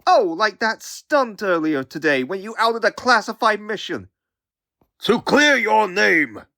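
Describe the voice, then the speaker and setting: A man's voice: sits high, sing-song, a little slow, vocal fry, sharp tone, exaggerated voice. A man voicing a young wisecracking superhero in a comic book dub, earnest, sarcastic and easily riled. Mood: exasperated. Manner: quippy, sarcastic, youthful.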